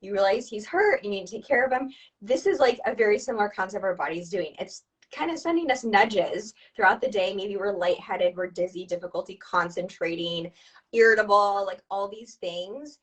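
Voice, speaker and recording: Woman, nutrition coach, chatty and upbeat, mid-pitched voice, video call, a bit off-mic. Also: lively intonation, normal speed, recorded from a distance, rough recording. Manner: upbeat, chatty, asks listeners to respond. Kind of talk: conversational explainer, coaching advice.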